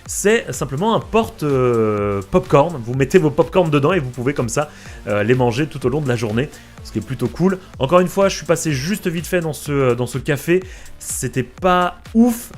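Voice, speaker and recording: A young man talks over his theme park footage in a loose, chatty voice-over full of fillers and little asides. His voice sits a bit on the high side for a man. Faint music plays beneath his talk. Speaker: vlogger touring a theme park. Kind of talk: casual vlog voice-over.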